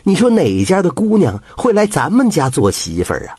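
A man's voice: fairly high pitch, huge pitch swings, fairly quick, darkish tone, slightly rough, no room sound, voice pushed up, heavily acted. A man doing a fretful old peasant couple. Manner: fretful and fond.

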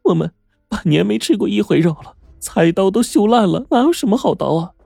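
A man's voice: high-pitched, lively intonation, brisk, gravelly, mellow, slightly rough, no room sound, clean studio sound, soft background music, voice pushed up, heavily acted. A man voicing a poor, timid wife who answers through tears in a told folk tale. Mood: tearful. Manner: weeping, pleading. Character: frightened, tearful poor wife, young woman.

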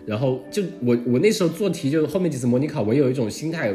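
A young man from Wenzhou, China, co-hosting a podcast and telling relaxed stories in casual chat. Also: mid-range voice, quick pace, faint music behind. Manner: relaxed storytelling, frequent laughs. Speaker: podcast co-host.

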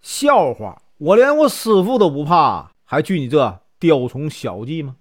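A man's voice: on the high side, sing-song, unhurried. A man voicing a proud young prince who scoffs at danger and then begs his master to spare him. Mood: scornful. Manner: pleading, then boastful. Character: proud young prince turned pleading and desperate.

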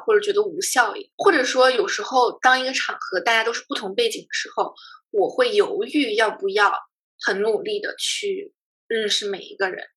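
A woman's voice: medium pitch, fairly bright tone, slightly rough, rough recording. A woman co-hosting a podcast, speaking thoughtfully in casual chat and steering the conversation. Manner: thoughtful, hands over questions. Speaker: podcast co-host.

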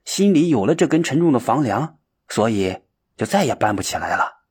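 A man voicing the young Huineng, a calm, earnest and dreamy seeker who muses aloud, in a storybook reading. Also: medium pitch, normal speed, breathy edge. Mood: explaining.

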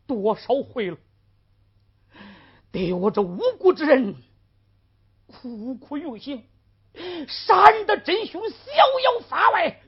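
A woman's voice: very high-pitched, pitched above the performer's own voice, heavily acted. A woman storyteller voicing a tortured young man who curses and cries out in defiant anguish, on a lo-fi old recording. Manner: crying out, cursing in anguish. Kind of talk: traditional storytelling.

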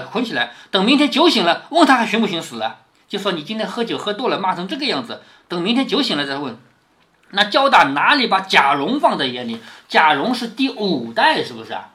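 Lively, conversational man retelling a classic novel. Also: high-pitched. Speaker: storyteller reading a classic novel to his daughter. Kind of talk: explanatory read-aloud storytelling.

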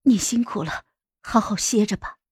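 A woman's voice: mid-range voice, normal speed, husky, no room sound, clean studio sound. A woman voicing a dying young imperial concubine in an audio story, weak and vengeful, breaking from wild laughter into tearful whispers. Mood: faint, eager.

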